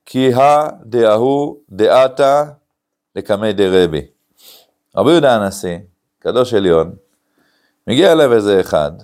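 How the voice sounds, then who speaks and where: A man, a rabbi, giving an animated Talmud study lecture, acting out quotes and using many filler sounds. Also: fairly low pitch. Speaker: rabbi teaching a class.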